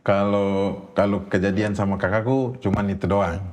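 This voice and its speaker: A low-pitched man tells a personal supernatural story in a relaxed interview. He talks in an animated way, and his voice jumps up sharply when he quotes other people. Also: moderate pace. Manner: animated, jumps high when quoting others, laughs often. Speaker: guest storyteller.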